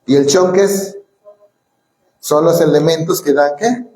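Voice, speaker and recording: A man's voice: on the high side, unhurried, darkish tone. A man giving a talk to an audience and leading breathing exercises, often asking them questions. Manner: questions the audience often, leads call-and-response drills. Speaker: martial arts teacher giving a talk. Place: large echoey hall with an audience. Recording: roomy hall echo.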